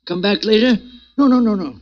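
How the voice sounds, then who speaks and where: A man's voice: high-pitched, animated, a little fast, lo-fi sound. An actor playing a frail, wicked, bedridden old man in a 1940s-style radio drama, rambling and wheezing. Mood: defiant. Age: older. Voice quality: gravelly, quavering.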